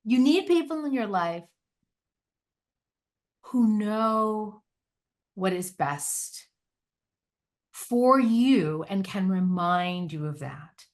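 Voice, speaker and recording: A woman hosting a podcast conversation with lively enthusiasm, often rising with delight as she affirms her guest. Her voice sits at a middle pitch and unfolds in an open, conversational way. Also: drawn-out words, long pauses. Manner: warm, enthusiastic, animated interviewer. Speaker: podcast host.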